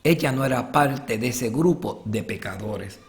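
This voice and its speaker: A man narrating and commenting in a measured, formal way, carefully marking his quotations. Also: medium pitch. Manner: measured, formal, quotes sources. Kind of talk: scripted narration.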